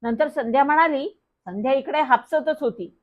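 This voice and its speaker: A woman narrating a children's story in a lively first-person manner. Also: sits high, normal speed. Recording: dull lo-fi recording.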